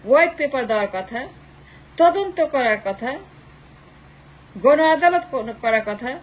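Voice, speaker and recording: A woman with a high, bright-pitched voice delivers an impassioned political commentary. She hammers her points through long rhetorical lists of short phrases. She mixes English phrases into her speech. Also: expressive, measured pace, poor audio.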